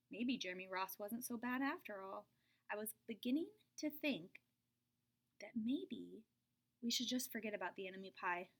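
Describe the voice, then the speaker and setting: A woman reads a children's picture book aloud with lots of expression. She drops to a whisper for suspenseful moments and raises her pitch for the child's lines.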